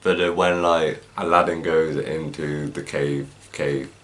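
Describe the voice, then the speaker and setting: Man, extremely deep voice, slow pace, halting, casual film chat. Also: fairly even intonation, a bit bright. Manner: halting and hesitant, with restarts and fillers. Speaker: host.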